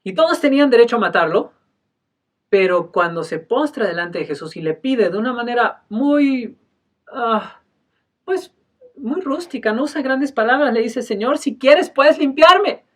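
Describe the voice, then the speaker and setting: A male pastor giving a sermon, emphatic, moving between loud and soft delivery and often clearing his throat. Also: very high voice, expressive, normal speed, recorded from a distance.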